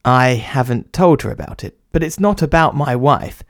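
A man's voice: mid-range voice, expressive, moderate pace, no echo. A man playing himself as a writer in a comic audio story. He sounds pompous and a bit flustered, and he stumbles over his words now and then. The recording is dry and close. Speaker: podcast writer and narrator.

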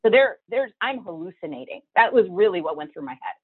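A woman's voice: mid-range voice, lively intonation, a little fast, breathy edge. A middle-aged woman telling her own story as a guest, vivid and emotional, acting out what she thought back then. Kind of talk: personal storytelling. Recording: tinny phone-like line.

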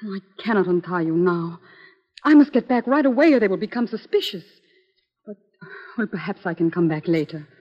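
A woman's voice: lowish voice, animated, brisk, mellow. An anxious, tender accomplice in a vintage radio drama. She pleads in hesitant, formal phrases, heard through a muffled recording with long reverb. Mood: fearful reluctance. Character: anxious, torn woman accomplice, tender and fearful. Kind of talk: old-time radio melodrama acting.

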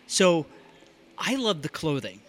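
A man on a podcast panel chatting casually about a video game, getting more animated as he gets excited. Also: a little high, slow pace. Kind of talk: casual review chat.

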